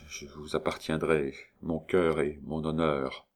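A man reading a novel aloud, voicing a timid, suffering young notary in a low, hushed voice. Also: steady tone, unhurried.

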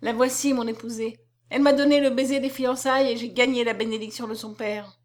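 A woman's voice: fairly high pitch, steady tone, a little fast, natural voice. A woman reading aloud, voicing an anguished young man who defiantly claims his beloved. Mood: impassioned.

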